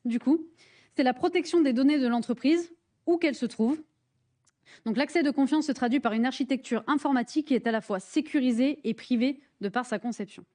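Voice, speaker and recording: A woman with a French accent leads a live workshop in a conference room, her voice sitting a little high. She talks in a friendly, joking way, full of fillers and restarts. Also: mellow. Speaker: presenter leading a hands-on workshop.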